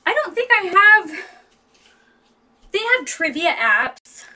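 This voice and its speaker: A woman's voice: very high voice, big pitch swings, slow, sharp tone, recorded from a distance. A woman in her thirties chatting casually and rambling with her viewers, laughing often. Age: 30s. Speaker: vlogger. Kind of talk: casual live chat with viewers. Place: home with street traffic outside.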